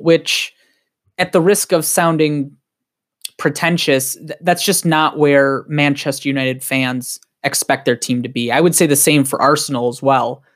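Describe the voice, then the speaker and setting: A man with a Wisconsin accent, a guest on a casual podcast, talking in an excited, heated, rambling way. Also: on the high side.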